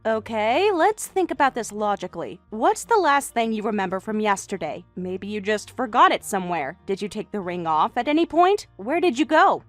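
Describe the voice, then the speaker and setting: A woman voices a level-headed older sister near forty who stays reasonable and firm. Her voice is dry and close, with lively pitch and faint music behind it. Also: moderate pace, few pauses, no echo, close to an everyday voice. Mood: reasoning. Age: late 30s. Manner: calm, reasoning, firm when pushed. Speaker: character in a voiced text story. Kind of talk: voice acting for a text-message story.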